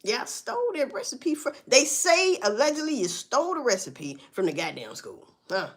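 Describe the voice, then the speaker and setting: Husky, animated woman ranting. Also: a little high, moderate pace. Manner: profane, sarcastic, rambling; frequent sighs and laughs. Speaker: vlogger commenting on news. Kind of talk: casual commentary.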